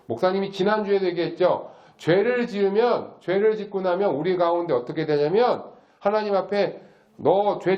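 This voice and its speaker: A man preaching a gentle, simple sermon as pastor, telling a Bible story slowly and asking the listeners questions. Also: on the high side, highs cut off. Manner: acts out dialogue voices for God and Cain. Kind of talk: simple sermon for a special-needs congregation.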